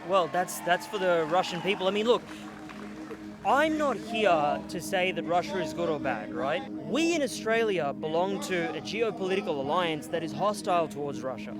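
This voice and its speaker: A man's voice: sits high, big pitch swings. Man arguing his view over music. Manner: measured, argumentative. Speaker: rally attendee. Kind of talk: street interview. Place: outdoor rally. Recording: clear music behind outdoors.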